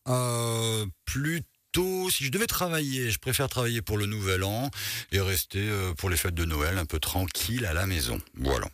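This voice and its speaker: A man reading traffic updates on live radio, relaxed and hesitant with fillers. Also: on the low side, moderate pace, no echo, studio quality. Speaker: traffic information presenter. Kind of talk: casual banter and traffic update. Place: radio studio.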